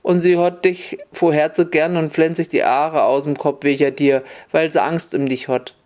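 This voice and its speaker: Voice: mid-range voice, little pitch movement, normal speed, a little mellow, natural voice. Storyteller as a stern official woman, scolding, plain everyday voice.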